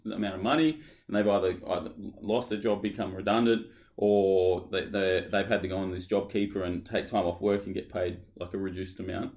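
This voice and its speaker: A man's voice: on the low side, darkish tone. An Australian man hosting a casual podcast chat, stopping and restarting as he lays out his questions. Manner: halting, restarts often while posing questions. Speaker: podcast host.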